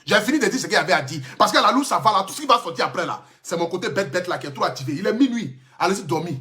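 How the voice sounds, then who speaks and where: Man, Ivorian French accent, emphatic live rant, phone mic, lively pitch. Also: very fast. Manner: impassioned, emphatic, repetitive. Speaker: social media personality.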